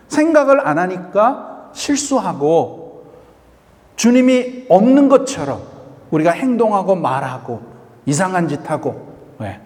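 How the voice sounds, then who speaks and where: Pastor preaching, church reverb. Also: male voice, a little high, a little mellow. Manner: switches between Korean and English phrases; asks rhetorical questions and answers them. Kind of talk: sermon. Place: church sanctuary. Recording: long church-hall reverb.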